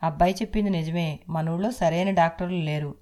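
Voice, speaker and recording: A woman voicing a gentle, practical middle-aged father who speaks plainly and mildly. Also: on the high side, steady tone, brisk, close to an everyday voice.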